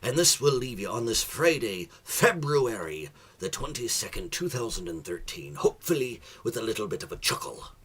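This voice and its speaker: A man hosting a comedic video monologue and telling a joke in a theatrical way, moving between loud and hushed delivery. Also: mid-range voice, very animated, moderate pace, hardly any pauses, breathy edge. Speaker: vlog host.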